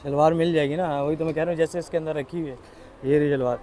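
A man's voice: a little high, steady tone, quick pace, dark tone, slight background noise. Chatty man vlogging a bazaar. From Pakistan. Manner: chatty, enthusiastic, repeats prices, asks shopkeepers questions. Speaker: vlogger touring a market. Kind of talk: casual walking market tour vlog. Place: outdoor city bazaar.

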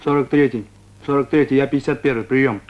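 A man's voice: medium pitch, steady tone, a little fast. A man in a war film calling over a tank radio set, repeating call signs in clipped radio protocol. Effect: voice heard over a tank radio set. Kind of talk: 1970s war film acting. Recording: muffled lo-fi radio sound.

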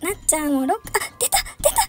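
High-pitched giggly woman gamer. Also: big pitch swings, very fast, faint music behind. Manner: giggly, frequent laughter, shrieks in panic. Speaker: game streamer. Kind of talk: let's-play commentary.

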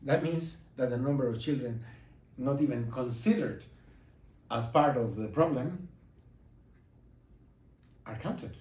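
Middle-aged man from Guatemala, emphatic lecture, mellow voice, roomy classroom heard from a distance. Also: medium pitch. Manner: emphatic, pauses and repeats for effect. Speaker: activist giving a class. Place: classroom with projector screen, indoors. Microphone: far camera, no mic seen. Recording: echoey classroom from far off.

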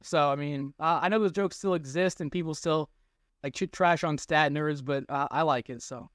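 A teenage boy, a guest who tweets about baseball analytics, answers interview questions over a video call from a small indoor room, picked up by a webcam. His male voice is a little high and a bit bright, at a moderate pace, and he rambles, filling his sentences with lots of "like". The audio is studio quality, with no room sound.

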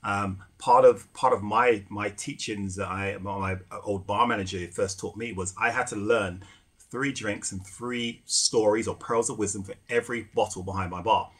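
A middle-aged man telling stories in a relaxed podcast chat, with many fillers and restarts. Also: lowish voice, moderate pace, slightly rough. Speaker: guest, rum ambassador and former bartender. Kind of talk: casual podcast conversation.

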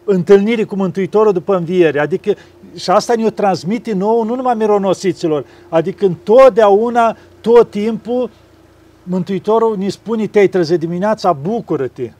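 A man, an abbot, talking gently about faith and acting out little dialogues as he tells stories. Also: high-pitched. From Romania. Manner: gentle storytelling, acts out dialogues. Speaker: monk and abbot. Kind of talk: spiritual conversation.

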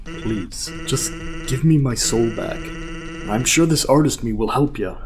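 A man voicing a weary, earnest skeleton in an animated fan dub, casual yet stern and urgent. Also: unhurried. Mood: stern, pleading. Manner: low, casual, urgent pleading. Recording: music behind the voice.

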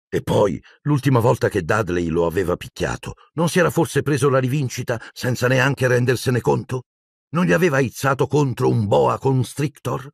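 A middle-aged man narrating an audiobook in an expressive, theatrical storytelling manner with a gravelly, husky voice. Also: fairly low pitch, no echo, studio quality.

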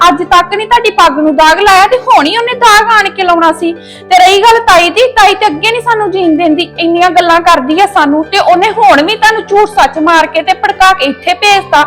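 A woman's voice: extremely high pitch, brisk, fairly bright tone, faint music behind. A young woman playing a loyal younger daughter who earnestly pleads with her father for her sister. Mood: pleading. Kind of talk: domestic drama acting.

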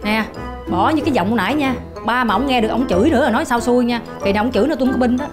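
A woman's voice: fairly high pitch, racing, music in the background. An actress in a sitcom playing a wife who scolds her husband in an exasperated, nagging way. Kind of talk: sitcom acting.

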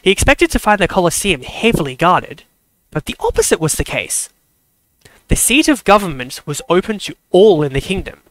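A man narrates a fan-made story in a steady, measured reading voice. His pitch sits slightly high. The recording is close and dry. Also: no room sound, poor audio.

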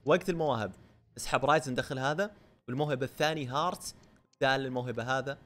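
A man with a Gulf Arabic accent giving excited, chatty commentary on a football video game and scolding the players on screen. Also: mid-range voice, rapid-fire. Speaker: gaming YouTuber.

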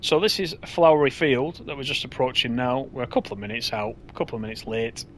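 Man, relaxed gameplay commentary, chatty and easygoing, middle pitch, faint hum behind. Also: fast talker. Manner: chatty, easygoing, thinks aloud with fillers.

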